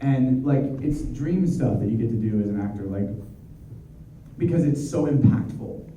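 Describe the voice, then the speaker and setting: Speaking at normal speed in a dark-toned, expressive mid-range voice, a man in his thirties, a voice actor, answers fans at a convention Q&A in a loose, rambling style full of restarts and fillers. Captured from a distance in the panel room, the audio is echoey and muffled, with slight background noise.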